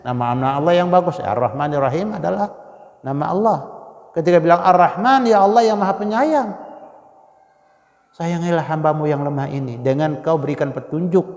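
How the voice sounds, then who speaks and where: A man preaching a dawn Ramadan sermon, swinging from loud exclamations to hushed prayers and chanting verses slowly. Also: on the high side, long reverb tail. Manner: emotional, swings between loud exclamations and near-whispered prayers; chants Quranic verses slowly in melodic recitation. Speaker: Islamic scholar.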